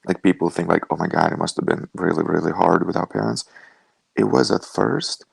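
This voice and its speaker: A young man from Lithuania, a fighter telling his story over a video call in a relaxed, rambling way with lots of "like". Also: low-pitched, fairly quick, gravelly, breathy edge, dry recording. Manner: relaxed storytelling, many "like" fillers. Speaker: guest, professional fighter.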